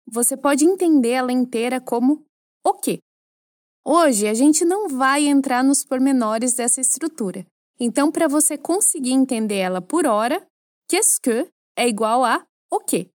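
A woman with a high voice and a Brazilian Portuguese accent gives a French lesson. She explains each phrase in a clear, teacherly way and keeps prompting the listener to repeat after her. The recording is close and dry. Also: expressive, unhurried, dry recording.

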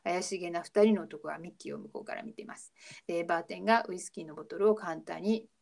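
A woman co-hosting a casual podcast, calmly retelling a TV episode scene by scene. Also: on the low side, quick pace, creaky. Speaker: podcast co-host.

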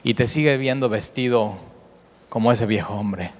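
A man preaches a sermon in a church sanctuary, his voice sitting at an ordinary pitch. He speaks earnestly, often stopping to rephrase and circle back to a point. A long hall reverb trails after each phrase. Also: normal speed. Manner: earnest, repeats himself, often rephrases with "o sea". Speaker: pastor.

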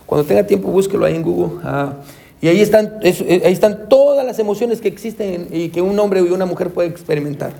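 A man's voice: high-pitched, fast, creaky, warm tone. A man teaching a Sunday school lesson as a counselor, calling listeners brother and saying amen often, with English terms mixed in. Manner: addresses listeners as brother, frequent amens; acts out quoted voices, mixes in English terms.

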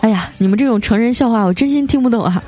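A woman chats through listener messages in a playful, teasing way. Her voice sits a little high but sounds mellow and soft-edged. Faint music runs underneath. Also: rapid-fire. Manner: playful, teasing, reads jokes with light voiced quotes. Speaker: podcast host reading listener comments. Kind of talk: casual chat.

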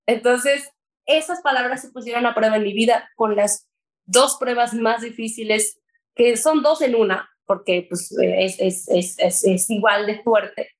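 A woman's voice: fairly high pitch, unhurried, rough recording. Earnest Mexican woman giving her testimony. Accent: Mexican Spanish. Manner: earnest and emotional, with hesitations. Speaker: guest sharing her testimony. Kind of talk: personal faith testimony.

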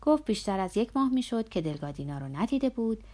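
A woman narrating a novel as an audiobook, reading in a steady, measured way. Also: mid-range voice.

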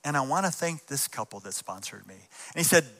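Earnest man preaching, bright voice. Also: medium pitch, expressive, fairly quick. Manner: earnest storyteller, drops to a hushed voice in prayer. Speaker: missions leader preaching. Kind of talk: sermon with storytelling and prayer. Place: church sanctuary.

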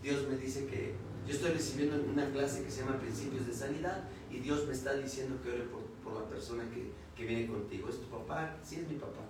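A man's voice: mid-range voice, brisk, few pauses, background noise. A young man preaching a sermon, telling a personal testimony and acting out the dialogue, then building to emphatic repeated phrases. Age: young adult. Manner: storytelling, acts out dialogue, builds to emphatic repetition. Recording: echoey room, far from the mic.

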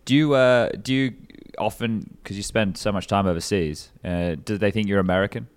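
A man with an Australian accent, co-hosting a casual podcast chat with jokey, lively interjections. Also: lowish voice, moderate pace. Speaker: podcast co-host.

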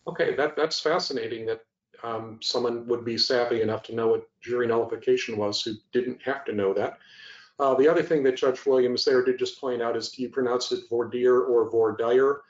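Presenter, male, video-call trainer: dry humor, quick restarts, roomy echo, muffled sound. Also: mid-range voice, steady tone. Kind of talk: instructional talk over video call. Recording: echoey, muffled lo-fi audio.

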